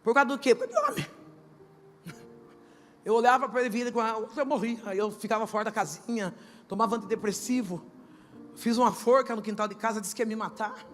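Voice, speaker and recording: A middle-aged woman pastor with a Brazilian accent gives a testimony sermon, moving from hushed storytelling to shouted, half-sung preaching. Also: a little high, lively intonation, fairly quick, long pauses. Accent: Brazilian Portuguese. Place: large church hall. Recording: church hall reverb with music behind.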